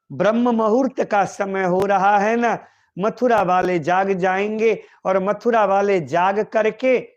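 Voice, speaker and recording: A gentle, caring woman companion from a devotional tale , voiced by a male preacher speaks in a soft, pleading manner. The voice sits high, and each phrase stretches out very slowly. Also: dull audio.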